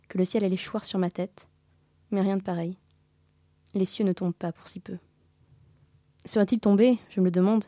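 A woman reading a classic novel aloud, narrating in a measured, dramatic way and voicing the dialogue. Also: medium pitch, warm tone, no room sound. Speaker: audiobook reader. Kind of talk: scripted literary narration.

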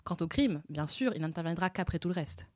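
A fussy, absent-minded queen, as a woman reader puts her on in a storybook reading, talking breezily and quickly. The voice sits close and dry, with no room around it. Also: fairly low pitch, animated, a little mellow, no room sound. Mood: breezy. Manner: breezy, matter-of-fact.

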